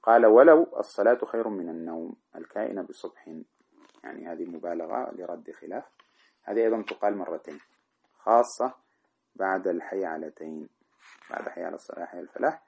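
A man's voice: low voice, vocal fry, darkish tone, husky. A man teaching Islamic jurisprudence, reading a classical text aloud and then explaining it in plain talk. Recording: dull lo-fi recording.

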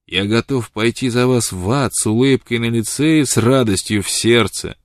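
Man doing a blunt gruff old frontiersman. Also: mid-range voice, normal speed, dry recording, studio quality, close to an everyday voice. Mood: devoted. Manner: blunt, loud and insistent.

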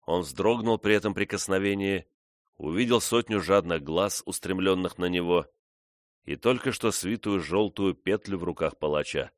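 A man reading a novel aloud in a measured, even way. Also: deep voice, no echo, studio quality. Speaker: audiobook reader.

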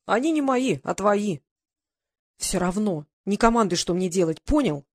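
A woman's voice: medium pitch, expressive, moderate pace, no room sound, studio quality, lightly acted. A woman reading an audiobook, voicing a stubborn, emotional young woman who argues in a defiant, pleading way.

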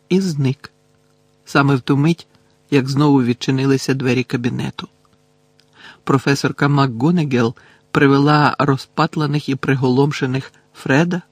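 A man narrating an audiobook in a steady, unhurried reading voice. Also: mid-range voice, breathy edge, no echo.

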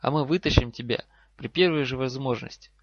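Мужчина читает за встревоженного отца-профессора, говорит взвешенно и наставительно; запись сухая, немного глуховатая. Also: male voice, mid-range voice, a little fast, husky, dry recording. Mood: urgent. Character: worried professor father, earnest and firm. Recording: slightly dull lo-fi recording.

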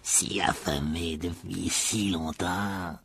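A man's voice: low-pitched, steady tone, takes it slowly, creaky, fairly bright tone, slight background noise, voice pushed down, full character voice. A man voicing a cold, hungry, murderous unseen monster in a storybook reading, with a whispered, menacing manner.

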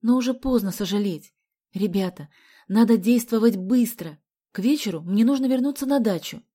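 A woman's voice: on the high side, normal speed, mellow, slightly rough, pitched above the performer's own voice. A woman reading an audiobook aloud, voicing a determined, commanding teenage girl. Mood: firm. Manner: urgent, commanding. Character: determined teenage girl Galya, bossy and brave. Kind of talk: audiobook character voice.

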